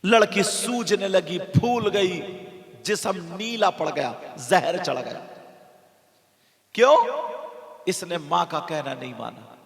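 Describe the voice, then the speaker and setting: High, bright-voiced preacher chanting a sermon. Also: male voice, slow pace, vocal fry, long pauses. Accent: North Indian Urdu-Hindustani. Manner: dramatic storytelling, swings between chanted high cries and hushed low speech. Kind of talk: sermon at a village gathering. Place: outdoor religious gathering with stage, heard through loudspeakers. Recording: echoey PA sound with long reverb.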